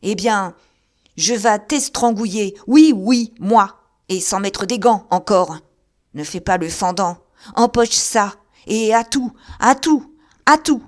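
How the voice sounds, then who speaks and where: Woman voicing a delirious drunk man, shouting, frantic, rough slang, storybook. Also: medium pitch, unhurried, lightly acted. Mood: furious.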